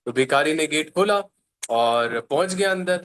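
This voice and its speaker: A man's voice: fairly high pitch, lively intonation, normal speed, a bit bright. A man telling a moral story in a casual, conversational way, often adding "है ना" and acting out the characters' lines before giving life advice. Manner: casual, repeats "है ना" often, acts out quotes. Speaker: motivational speaker. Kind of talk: storytelling and motivational talk.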